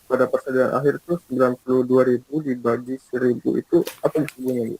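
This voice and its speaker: A man's voice: mid-range voice, level tone, fast talker, darkish tone, husky, rough recording. A male student asking questions in an online class over a call whose audio keeps breaking up. He is polite and repeats himself so he can be heard. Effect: choppy call audio breaking up. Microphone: video call.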